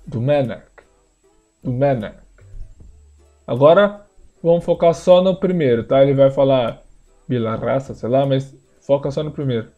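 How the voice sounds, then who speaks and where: A man, teaching pronunciation in a screen-share lesson, repeating words slowly for learners. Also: medium pitch, mellow, lo-fi sound, faint music behind. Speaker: language teacher.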